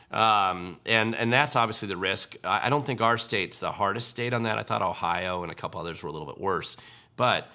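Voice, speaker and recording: A man's voice: low voice, vocal fry, sharp tone. A man hosting a political livestream, answering viewer questions in a casual, wry way with frequent ums and restarts.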